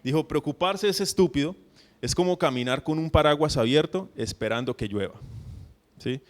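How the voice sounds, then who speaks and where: A pastor preaching with a fairly high voice. He keeps his sermon conversational and keeps asking the congregation whether they follow him. He now and then acts out mock prayers in a put-on voice. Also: normal speed. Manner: conversational preaching, constant checks with the audience.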